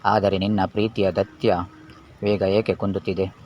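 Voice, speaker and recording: A man voicing a young mother who is loving and anxious, reading her lines slowly and tenderly. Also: low voice, flat delivery, natural voice. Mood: worried. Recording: dull lo-fi with faint hiss.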